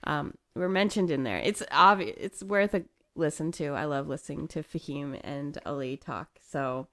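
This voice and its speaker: A woman's voice: low voice, normal speed, a bit bright. A woman co-hosting a podcast in casual chat, chatty and laughing often. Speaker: podcast co-host.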